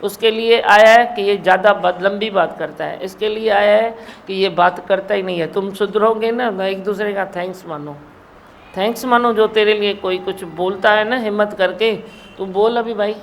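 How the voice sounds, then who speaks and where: Woman guru preaching, scolds and teases, voice a bit gravelly, faint noise behind. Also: medium pitch, normal speed. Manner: scolding and teasing, mimics mumbling. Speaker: spiritual guru. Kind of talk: sermon. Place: satsang hall.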